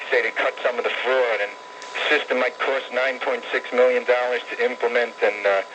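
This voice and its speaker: A man's voice: medium pitch, fairly even intonation, moderate pace, muffled recording, noisy background. A man calling a talk radio show, mocking and sarcastic about the news. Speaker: caller.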